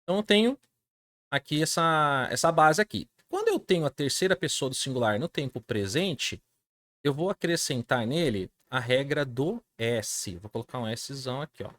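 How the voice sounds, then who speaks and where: A man's voice: medium pitch, animated, normal speed, a bit bright, dry recording. A man with a Brazilian Portuguese accent teaching an English class online in an informal way, often checking in with his students. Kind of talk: live online class lecture.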